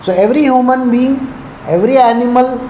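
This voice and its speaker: A man's voice: very high-pitched, a little fast, dark tone. A man with a South Indian accent giving an informal spiritual discourse, didactic and conversational, often checking that listeners understand. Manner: switches between English and Hindi. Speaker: spiritual teacher. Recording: echoey room with faint noise.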